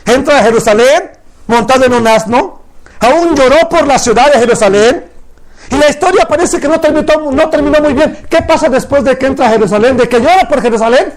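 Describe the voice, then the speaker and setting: A man preaching a sermon, asking his congregation questions and answering them himself, stretching out Hebrew phrases slowly for emphasis. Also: extremely high pitch.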